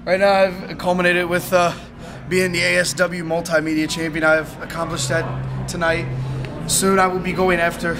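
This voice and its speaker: Halting young man in a wrestling promo. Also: high voice, little pitch movement. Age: 20s. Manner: halting, stumbling over words. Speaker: professional wrestler being interviewed. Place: large dim indoor hall with pool tables. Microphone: handheld camera at close range.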